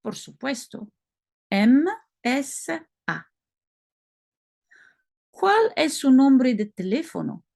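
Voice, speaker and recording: A woman with a Belgian French accent, reading practice sentences slowly and carefully, explaining and correcting herself as she goes. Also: on the high side, creaky, darkish tone. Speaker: language-learning video host. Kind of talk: reading practice dialogue aloud.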